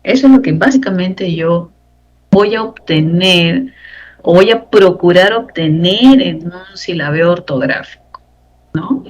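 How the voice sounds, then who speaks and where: A woman's voice: on the low side, fairly bright tone, rough recording. A woman teaching a grammar lesson for exam preparation, explaining step by step and checking in with rhetorical questions. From Peru. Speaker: language teacher. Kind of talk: exam-prep lecture.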